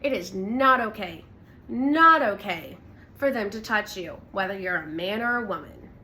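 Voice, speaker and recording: A woman's voice: medium pitch, animated, measured pace, bright, forceful tone, a little hiss or hum. A young woman vlogger telling her own story in earnest, blunt, candid talk, with fillers and swearing. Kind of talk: candid direct-to-camera talk.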